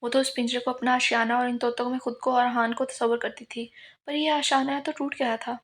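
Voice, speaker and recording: A woman narrating a romance novel in a steady, unhurried reading voice. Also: on the high side. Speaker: novel reader.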